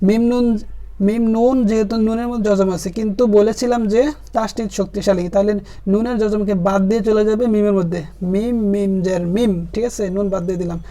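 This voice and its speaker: A man teaching Quran reading, spelling out each letter and vowel mark and then drawing the words out slowly and patiently. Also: high-pitched, steady tone, dark tone. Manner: patient, addresses the viewer directly. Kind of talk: step-by-step spelling lesson.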